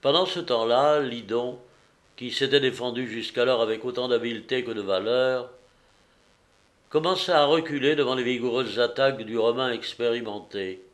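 A man reading a historical novel aloud in a measured storytelling manner. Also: mid-range voice. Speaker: narrator.

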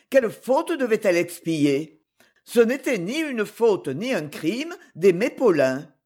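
A narrator giving an expressive, lyrical audiobook reading. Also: medium pitch, slightly rough.

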